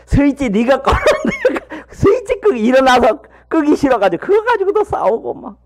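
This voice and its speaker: A man preaching a sermon as a missionary, telling the story in a lively, folksy way and asking his congregation rhetorical questions. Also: very high-pitched, normal speed. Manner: folksy, humorous asides.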